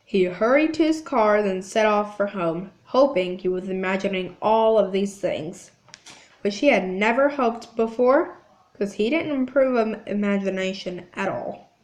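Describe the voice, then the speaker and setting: A woman hosting her channel, reading a book aloud in a halting way, often restarting lines. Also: mid-range voice, expressive, darkish tone.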